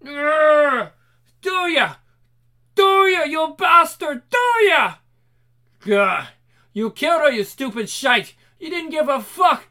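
Brief: a young grieving game character, high, bright, shouting at full force, profane. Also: male voice, animated, slow, exaggerated voice. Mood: raging. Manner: screaming, furious, profane. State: shouting in rage. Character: young man raging over his dead girlfriend. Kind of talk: video game cutscene acting.

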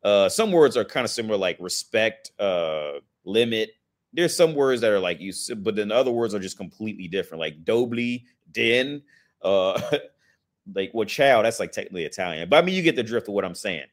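An American man in his thirties, a native English speaker, talks in a rambling, casual monologue, swearing often and restarting his sentences. His fairly low voice is expressive, and he speaks fairly quickly.

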